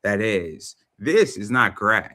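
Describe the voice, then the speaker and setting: A man in his thirties hosting a casual interview, who often repeats words in quick, excited bursts. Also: lowish voice. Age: 30s. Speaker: host.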